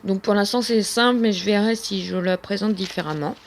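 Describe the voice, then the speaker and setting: A woman's voice: medium pitch, steady tone, a little fast, slight background noise. A young woman showing her planner in a casual vlog, talking with many hesitations and fillers. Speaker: vlogger.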